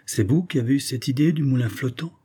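A male audiobook reader voicing an earnest, reserved young woman, softly raising his voice for her polite lines. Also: medium pitch, brisk, slightly rough, voice pushed up. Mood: gentle. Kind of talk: audiobook character voice.

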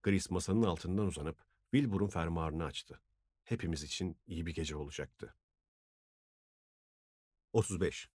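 A man reading a novel aloud as an audiobook narrator, in an even, unhurried way. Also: deep voice, breathy edge, no room sound, studio quality.

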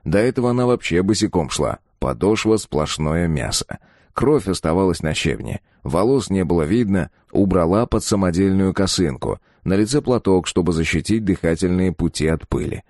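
A man narrates a first-person audiobook in a very low, dark voice. He tells it gruffly and bluntly, matter-of-fact. The recording is dry and close, with no room sound. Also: expressive, normal speed, no room sound. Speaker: audiobook reader.

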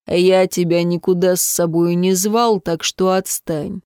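A woman's voice: fairly low pitch, fairly even intonation, unhurried, darkish tone, clean tone, no echo, clean studio sound, close to an everyday voice. A woman voicing a rude, curt young man who growls his short replies. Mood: gruff.

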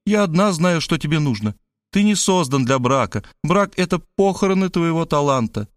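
A man's voice: normal speed, dry recording, clean studio sound, close to an everyday voice. A man voicing a doting, dramatic middle-aged woman who pleads with gushing, theatrical exclamations. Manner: gushing, pathetic exclamations, high-pitched. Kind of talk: audiobook character voice.

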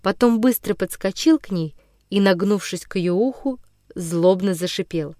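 A woman narrating a classic children's story as an audiobook, in a measured, dramatic storytelling manner. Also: medium pitch, dark tone, dry recording, clean studio sound.

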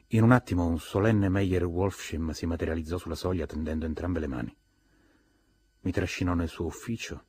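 A man reading a novel aloud as an audiobook narrator, measured and even. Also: low voice, husky, no echo. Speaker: audiobook reader.

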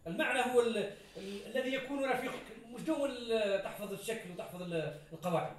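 A man lectures on grammar in a classroom. His voice sits high, and he fires off example after example and quizzes his students. He is recorded from across a very echoey room. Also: fast talker. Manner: explains with many examples and questions to students. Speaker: grammar teacher. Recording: roomy echo, from far off.

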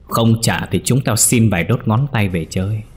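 A man's voice: fairly low pitch, normal speed, soft background music, natural voice. A man voicing a blunt, menacing debt-collector gang leader.

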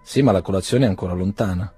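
Guy reading a blunt young doctor, teasing, low dark voice, bit husky. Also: fast, faint music behind.

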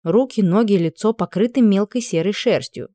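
A woman's voice: mid-range voice, moderate pace, mellow, no echo. A woman reading a first-person story aloud in a dry, ironic way. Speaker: audiobook narrator. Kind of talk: scripted narration.

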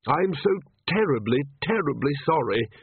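A man's voice: on the high side, big pitch swings, normal speed, gravelly, husky, pitched above the performer's own voice, heavily acted. A man doing a stammering timid priest. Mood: fretful. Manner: stammering, hesitant, full of ums. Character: nervous, apologetic young male priest. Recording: tinny phone-like line.

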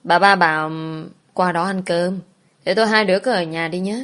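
A woman doing a gentle old grandmother. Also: on the low side, steady tone, moderate pace, lightly acted. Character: elderly gentle grandmother, understanding.

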